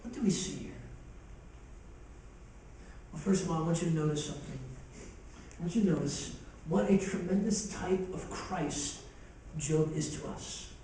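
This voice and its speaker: A man's voice: fairly high pitch, normal speed, pauses often, mellow, very echoey, recorded from a distance, slight background noise, poor audio. A man preaching a sermon as pastor, with impassioned, rising and falling intensity. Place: church sanctuary.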